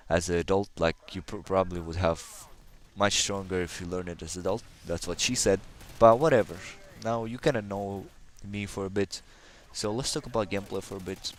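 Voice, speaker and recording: A deep-voiced gaming channel host from Kazakhstan, a native Russian speaker with a slight Russian accent, gives rambling, hesitant gameplay commentary packed with fillers. There's slight background noise.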